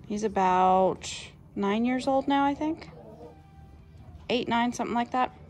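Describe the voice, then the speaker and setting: A woman with a fairly high, slightly dark voice gives a relaxed tour of her small farm, moving between the outdoors and a barn. As the owner, she narrates casually, introducing the animals one at a time in a friendly, unhurried way. It's filmed on a handheld phone camera.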